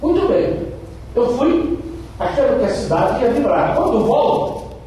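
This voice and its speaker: A man's voice: extremely high pitch, sing-song, a little slow, mellow. An older man with an interior São Paulo Brazilian accent gives an emphatic motivational talk, repeating phrases and asking rhetorical questions. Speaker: radio broadcaster giving a talk. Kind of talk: motivational public speech with personal anecdotes. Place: echoey room at a speaking event. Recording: echoey hall, distant mic, faint noise.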